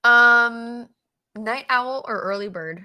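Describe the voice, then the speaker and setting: Woman host, bright tense tone, quick this-or-that questions, giggly, casual podcast. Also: on the high side, smooth. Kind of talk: casual chat.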